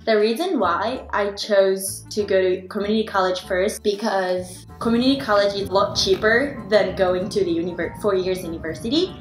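A woman's voice: mid-range voice, moderate pace, hardly any pauses. A young woman from Japan with a Japanese accent, speaking careful English with restarts as she talks about student life. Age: young adult. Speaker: dance student. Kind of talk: casual documentary talk. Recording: echoey, with music underneath.

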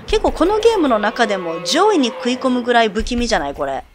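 A woman's voice: on the high side, very animated, fast. A woman casually commenting while playing a horror game, musing aloud in a chatty way. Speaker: let's play streamer.

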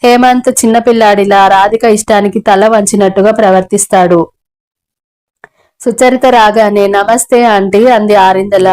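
A woman reads a novel aloud for an audio channel. Her narration is steady and even, in a mid-pitched voice. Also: poor audio. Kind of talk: scripted narration.

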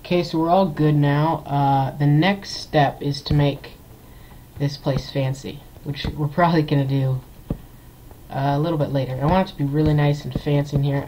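A man's voice: a little high, gravelly, noisy background. A man hosting a gameplay video, giving casual let's-play commentary in a rambling way, full of fillers and restarted sentences, into a desktop computer mic.

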